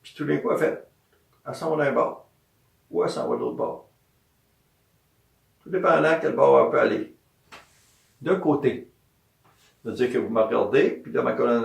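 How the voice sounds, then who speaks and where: A massage therapist with a Quebec French accent, his medium-pitched voice a bit creaky, gives an informal talk about health. Animated, he circles back to his points and fields his own questions. The recording comes from a distant mic in an echoey room.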